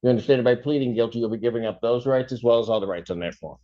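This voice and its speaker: A man presiding as a judge at a plea hearing, asking formal questions in a measured way, heard through a courtroom recording. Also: mid-range voice, warm tone. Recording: dull courtroom audio recording.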